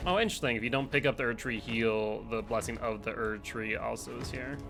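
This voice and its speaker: A man's voice: mid-range voice, fairly quick, gravelly. Chatty young man streaming a game. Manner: chatty, self-deprecating, animated. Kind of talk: casual gameplay commentary. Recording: streamed with game music behind. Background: game music.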